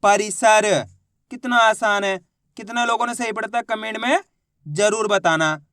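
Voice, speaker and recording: A man's voice: high-pitched, steady tone, moderate pace, pushed and bright, no echo, studio quality. A man teaching reading in an online lesson, sounding out words syllable by syllable and then blending them, while coaxing his viewers along as friends.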